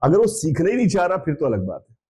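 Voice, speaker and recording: Male lecturer. High, animated delivery. Repeats questions, scolds bluntly, drills students. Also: quick pace. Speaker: physics teacher. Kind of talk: live online lecture.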